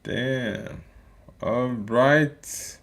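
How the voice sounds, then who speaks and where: A young Nigerian man streams a live football watchalong, reacting to the game and chatting with viewers by reading their comments in a casual, repetitive way. His medium-pitched voice is fairly bright with vocal fry, and he speaks very slowly.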